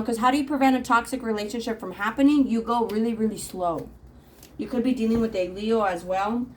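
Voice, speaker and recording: A woman's voice: fairly high pitch, a little hiss or hum, poor audio. A woman reading tarot cards in a casual, rambling monologue with plenty of fillers. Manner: chatty, rambling, frequent fillers. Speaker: tarot reader.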